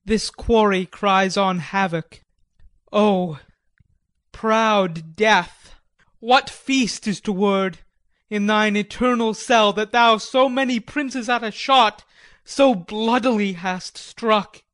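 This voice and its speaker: Man playing a high-voiced, stately conquering prince. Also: slow pace, fairly bright tone, no room sound. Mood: shocked, grave. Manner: stately declamation. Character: proud conquering young prince, grave and commanding. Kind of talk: Shakespearean tragedy audio acting.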